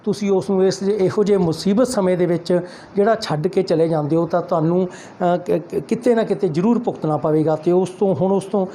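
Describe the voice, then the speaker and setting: A man's voice: sits high, steady tone, fairly quick, dark tone, slight background noise. A news reporter interviewing a woman and commenting at length, hesitant with many restarts.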